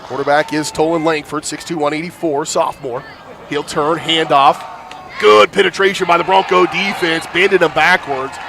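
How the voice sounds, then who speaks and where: A man doing live high school football commentary with a thick smoker's rasp, congested from hay fever. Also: fairly even intonation, normal speed, a crowd in the background. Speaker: play-by-play announcer. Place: outdoor football stadium broadcast.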